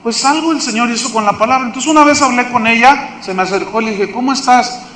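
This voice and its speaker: A man with a Mexican Spanish accent, preaching a sermon as pastor, firing rhetorical questions and swinging from loud to hushed. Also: extremely high pitch, fast, slight background noise. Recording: echoey hall with long reverb.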